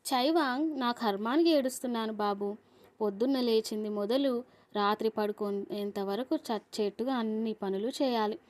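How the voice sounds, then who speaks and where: A woman's voice: on the high side, normal speed, darkish tone, close to an everyday voice. A woman voicing a poor, mistreated young boy in a storybook, speaking plaintively. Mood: sad.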